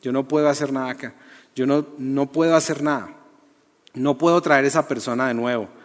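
A man preaching a lively, conversational sermon to young people, often asking the audience questions. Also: mid-range voice, fairly quick. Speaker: youth preacher. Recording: long hall reverb.

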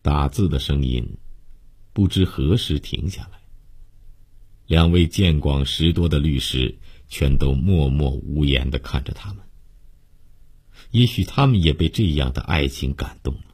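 Man reading a novel aloud, super deep voice, husky, slow and steady. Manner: steady, measured, sentimental reading. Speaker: audiobook narrator. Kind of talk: scripted novel narration.

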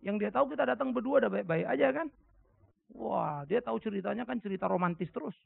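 A middle-aged male pastor delivers a sermon in a high-pitched, gravelly voice. He tells stories with lively pitch swings and acts out the other people's voices. The recording is dry and thin, like a phone line. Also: fast talker. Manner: animated storytelling, acting out voices with big pitch jumps. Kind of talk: sermon with anecdotes. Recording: dry, phone-like narrow sound.

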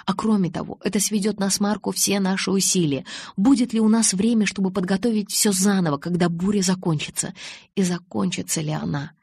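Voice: medium pitch, fairly even intonation, brisk, a little mellow, husky, no room sound. A reader narrating a novel audiobook in first person, scripted.

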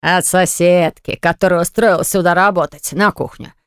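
Audiobook figure: woman reading as a drunk, greedy middle-aged father, nasal and gravelly, slow mocking drawl. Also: on the low side, steady tone, dry recording, studio quality, lightly acted. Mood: sneering.

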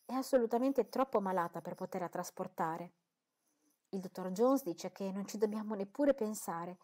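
A woman gives voice to a boastful, fussy middle-aged mother in an audiobook, making her gushing and indignant, a little higher and louder than the narration itself. She keeps a moderate pace and sounds close to how she normally talks.

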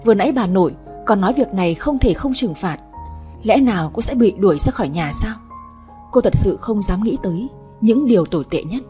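A woman calmly narrating a family drama story. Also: medium pitch, brisk, soft background music.

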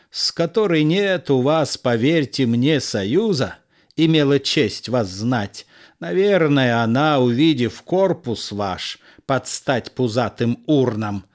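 A fierce, swaggering swordsman-poet, as a man reads him aloud, scornful and threatening. He drawls his insults slowly in an audio-play reading. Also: medium pitch. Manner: scornful, threatening, mocking politeness.

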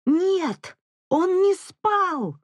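An audiobook narrator voicing a furious, grieving young mother who shouts and accuses, near hysteria. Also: mid-range voice, expressive, a little slow, husky, dry recording, highs cut off. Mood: hysterical. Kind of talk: audiobook character reading.

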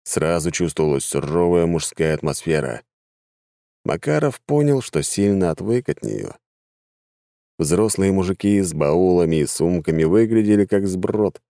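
A male narrator with a very low, dark voice reads the story in an even, measured way. The sound is close and completely dry, with no room around it. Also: dry recording. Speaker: audiobook narrator. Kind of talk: scripted narration.

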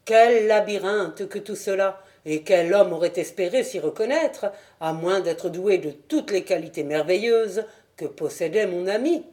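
A woman reading a novel aloud as an audiobook in measured, even scripted narration. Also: medium pitch. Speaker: audiobook reader.

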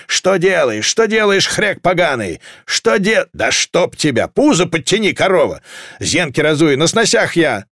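Man reading, doing an angry pregnant woman yelling insults high and loud, really rough and cursing. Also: very animated, unhurried, dry recording, clean studio sound, exaggerated voice. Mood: furious. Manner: shrieking, insulting. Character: furious pregnant townswoman, shrieking insults.

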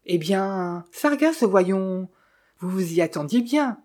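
A woman's voice: medium pitch, lively intonation, slow pace, darkish tone. A woman reading an audiobook and voicing a chatty, knowing male village innkeeper who gossips and teases. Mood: gossipy. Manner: gossipy, teasing, confiding. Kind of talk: audiobook character voice.

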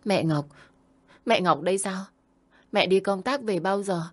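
A woman's voice: mid-range voice, a little slow, pitched above the performer's own voice, close to an everyday voice. A woman voicing a tearful little boy. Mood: tearful pleading. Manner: tearful pleading. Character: small boy crying for his mother.

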